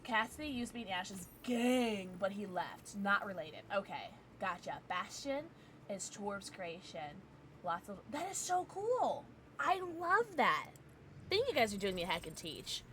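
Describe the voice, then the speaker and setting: A woman's voice: mid-range voice, very animated, unhurried, a bit bright, a little hiss or hum. A woman chatting casually on a gaming livestream in a playful, effusive and scatterbrained way. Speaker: livestreamer playing video games.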